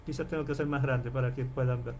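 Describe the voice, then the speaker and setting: A man lecturing as a professor in an online class, explaining and repeating terms slowly and checking in with his listeners often. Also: mid-range voice, steady tone, darkish tone, slight background noise. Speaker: Bible professor.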